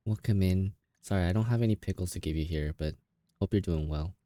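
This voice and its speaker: A man's voice: low voice, brisk, dark tone, no echo, clean studio sound. A young man streaming a game, chatting emotionally with viewers and often restarting his sentences. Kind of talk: casual game stream chat.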